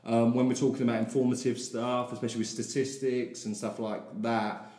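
A man with a softened South London English accent hosting a podcast in casual, blunt, sweary chat. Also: medium pitch, little pitch movement, fairly quick. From South London, England. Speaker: podcast host. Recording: roomy, echoey.

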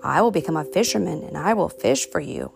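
A woman reading aloud, voicing a patient, loving mother rabbit in a storybook in a calm, steady, reassuring manner. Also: on the low side, a little fast, vocal fry, soft background music.

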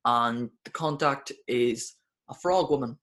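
An excitable man co-hosting a casual podcast, stammering through restarts and cursing as he reviews an episode. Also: medium pitch, slow pace. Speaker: podcast co-host.

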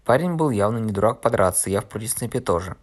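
Lower-voiced man reading an audiobook. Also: quick pace. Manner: steady first-person storytelling. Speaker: audiobook narrator.

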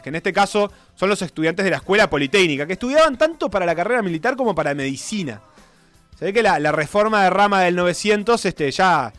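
A man with a voice on the high side co-hosts casually, telling football history in a radio-style storytelling manner. He is animated and reads quotes aloud with dramatic flair, and there is no echo.

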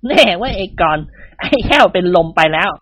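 A narrator voicing a rich young man, a sidekick who talks roughly and blusters. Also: medium pitch, animated, brisk, a bit bright, no room sound, pitched above the performer's own voice. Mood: gleeful.

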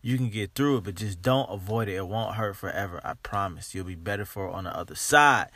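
A man's voice: deep voice, fairly quick, sharp tone, slightly rough, no room sound. A man hosting a motivational podcast, talking informally and emphatically, repeating key phrases and stretching words to drive them home.

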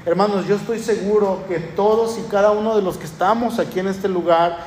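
A man with a northern Mexican accent preaches from the pulpit, his voice sitting notably high for a man. He presses his points with rhetorical questions and piled-up lists. The sound carries the echo of a church room over a faint hum of ambience. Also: steady tone, a little fast, a little mellow. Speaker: pastor. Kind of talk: sermon.

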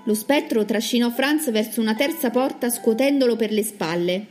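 A woman with a fairly high voice reads a children's story aloud. She narrates in an expressive, dramatic way, building suspense. Soft music sits faintly in the background. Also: normal speed.

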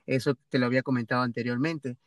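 Slight background noise sits under this fast, medium-pitched male voice that moves little in pitch. He's a podcast host from Ecuador speaking Guayaquil Spanish in a casual way, hesitant and packed with fillers, restarts and tag questions.

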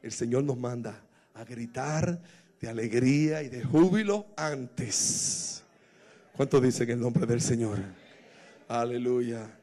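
A man preaching a sermon, retelling a scripture story and rising to emotional shouted exclamations. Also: medium pitch, slow.

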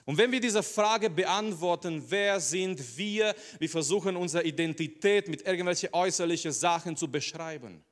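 A man's voice: high-pitched, normal speed, hardly any pauses. A male preacher giving an emphatic sermon, repeating phrases and putting rhetorical questions to the audience. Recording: long reverb of a large hall.

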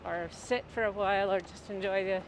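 Chatty woman interviewer amid clear traffic noise. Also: mid-range voice, steady tone, brisk. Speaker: podcast interviewer. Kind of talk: casual conversational interview on the move. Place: outdoors on a busy city street. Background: traffic and street noise.

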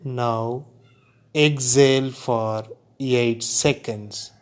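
Very slow, calm man guiding meditation. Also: medium pitch. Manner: unhurried, deliberate delivery with long pauses between short phrases. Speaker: guided meditation instructor. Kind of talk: guided relaxation narration.

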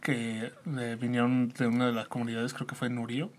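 A Mexican man in a casual podcast chat, telling a rambling story that trails off softly. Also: mid-range voice, monotone, a little fast. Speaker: podcast co-host.

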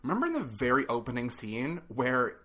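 A woman co-hosting a podcast, bantering casually in an animated, informal way. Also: a bass voice, a little fast. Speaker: podcast co-host.

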